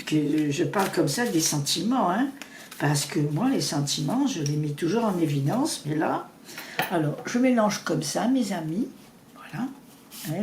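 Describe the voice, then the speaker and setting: A woman doing a casual tarot reading, talking fast and rambling with many restarts. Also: mid-range voice, a little mellow. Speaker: tarot reader. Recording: echoey room with faint noise.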